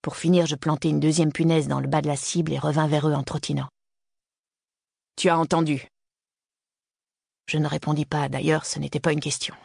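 Gravelly, husky audiobook narrator. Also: medium pitch, no room sound, studio quality. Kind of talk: first-person audiobook narration.

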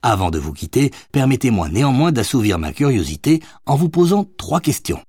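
A tipsy, teasing young Parisian woman, voiced by a male audiobook reader who writes with cheeky mock formality. The voice is lifted well above his own and swings widely in pitch. It has a slight husk, recorded close and dry. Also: big pitch swings, brisk, a little mellow, slightly rough, no echo.

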